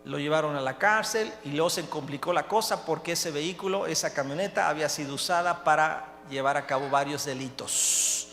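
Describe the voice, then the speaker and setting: A preacher with a fairly high voice tells a story in his sermon, climbing from calm narration to shouted praise. He is recorded live in a church hall with a long reverb and a faint hum of noise. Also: fairly quick, few pauses.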